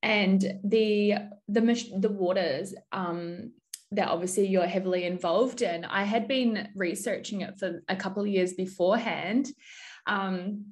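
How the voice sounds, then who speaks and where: A woman's voice: mid-range voice, unhurried. Chatty woman podcast co-host. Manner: chatty, meandering storytelling. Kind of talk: casual chat.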